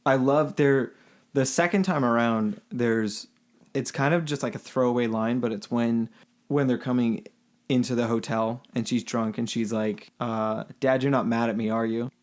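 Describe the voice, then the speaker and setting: A man's voice: medium pitch, steady tone, unhurried. A man co-hosting a podcast in casual chat, laughing often and hesitant, with frequent fillers and restarts. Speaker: podcast co-host.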